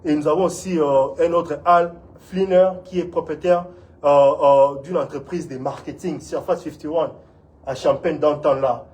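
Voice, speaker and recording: A man's voice: on the high side, steady tone, normal speed, darkish tone. A man from Congo, an instructor giving an earnest, encouraging community talk in an interview. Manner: earnest, encouraging, often asks "vous voyez?".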